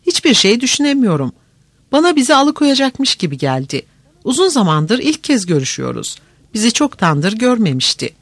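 A young man from a storybook, the second twin, mulling things over in an unsure, musing way, as the reader puts him on. The delivery swings in pitch, and the recording is dry and close. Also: sing-song, moderate pace, husky, dry recording. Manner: musing, uncertain.

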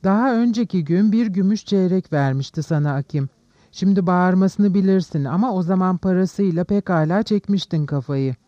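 A scornful middle-aged innkeeper scolds with indignation, as a man reads him aloud. His voice sits a little high and warm. The sound is dry and somewhat dull. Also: normal speed, no echo, natural voice. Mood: scolding.

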